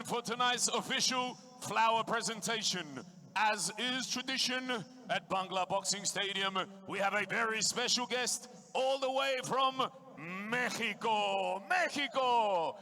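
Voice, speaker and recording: Booming high-voiced fight announcer. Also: male voice, moderate pace, bright, forceful tone. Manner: booming, crowd-working, greets audiences in many languages. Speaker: ring announcer and host. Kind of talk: live fight-night announcing. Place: boxing stadium.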